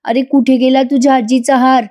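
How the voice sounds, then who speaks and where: A woman's voice: high-pitched, level tone, moderate pace, mellow, voice pushed up, lightly acted. A woman voicing a protective mother who pleads and stands firm. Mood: pleading firm. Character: protective mother defending her son.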